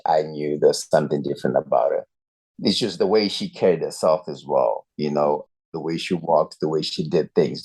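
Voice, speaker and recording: On a podcast, a youth pastor from Zimbabwe tells his personal story in an earnest, reflective way. His low, mellow voice comes through on poor-quality audio.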